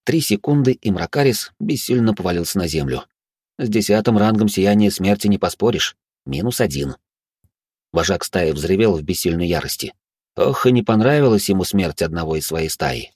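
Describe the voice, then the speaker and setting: A man's voice: deep voice, lively intonation, moderate pace, a little mellow, no room sound, studio quality. A man narrating a first-person fantasy audiobook, with wry, ironic asides.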